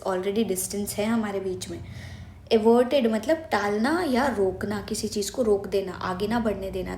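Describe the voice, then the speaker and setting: A woman's voice: mid-range voice, a little mellow, reverberant, a little hiss or hum. A young woman teaching vocabulary for exam prep, explaining step by step and asking questions she then answers herself. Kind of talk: Hindi-English mixed vocabulary lesson.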